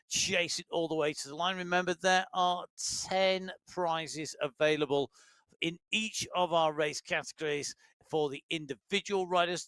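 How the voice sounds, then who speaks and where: A man's voice: on the high side, a bit bright, clear, resonant tone, no room sound. Chatty male race commentator, dry sound. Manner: chatty, joking, many fillers. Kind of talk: live esports cycling commentary.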